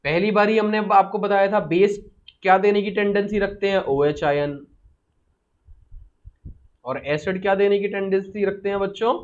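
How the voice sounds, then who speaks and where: High-voiced man teaching chemistry, lo-fi. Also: fairly even intonation, moderate pace, pauses often. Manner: quizzes students, repeats key answers, mixes English terms. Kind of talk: live class lecture.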